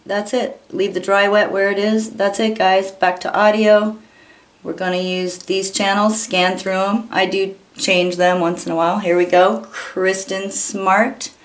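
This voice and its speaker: A woman hosting a spirit box session in a casual, halting and deliberate way, explaining things and putting questions to spirits. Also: mid-range voice. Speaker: spirit box session host, self-described medium. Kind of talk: casual narrated demonstration and addressing spirits.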